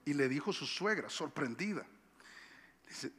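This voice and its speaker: A man's voice: a little high, expressive, normal speed, pushed and bright. A male pastor with a Colombian Bogotá accent, preaching a conversational sermon and repeating phrases for emphasis. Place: church sanctuary. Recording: long church-hall reverb.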